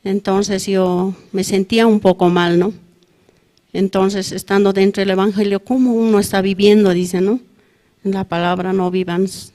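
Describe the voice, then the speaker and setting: A woman's voice: mid-range voice, a little mellow. A middle-aged woman with a Bolivian Spanish accent, giving a testimony at a prayer service in a plain, conversational way and ending nearly every phrase with a questioning tag. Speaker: church member giving testimony.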